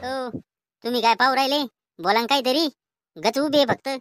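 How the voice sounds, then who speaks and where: Cartoon role: a woman playing a nagging middle-aged mother with a Vidarbha Marathi accent, shrill, close and dry. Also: normal speed, dry recording, soft background music, natural voice. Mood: scolding. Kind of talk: cartoon comedy voice acting.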